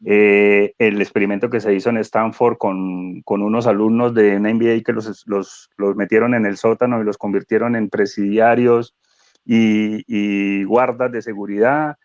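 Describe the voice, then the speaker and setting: A man speaking as a guest neuro-coach in a conversational webinar, animated and explanatory, asking rhetorical questions. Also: fairly low pitch, moderate pace, no room sound, lo-fi sound.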